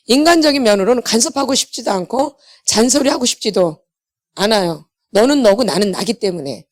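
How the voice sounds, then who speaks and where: A middle-aged woman preaching a sermon in an emphatic, blunt manner. She asks the audience questions and answers them herself, and she often repeats herself. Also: fairly high pitch. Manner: blunt and self-deprecating. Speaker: pastor's wife and healing ministry lecturer.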